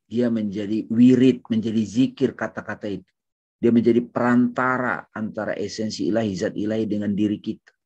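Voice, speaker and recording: A man leading a reflective spiritual study talk, shifting between hushed musing and emphatic phrases. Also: on the low side, steady tone, fairly quick, slightly rough, dull audio. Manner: swings from hushed musing to loud chanted takbir. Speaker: speaker in religious study session.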